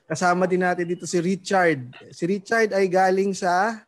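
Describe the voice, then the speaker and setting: A man's voice: high voice, fairly even intonation, normal speed. A man hosting a casual podcast chat, playful and teasing as he introduces his guests. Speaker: podcast host.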